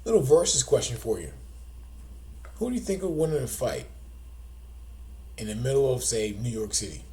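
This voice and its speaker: A man hosts a relaxed podcast in a mellow, dark voice. He is chatty and reacts with quick interjections. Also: mid-range voice. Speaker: podcast host. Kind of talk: casual podcast chat.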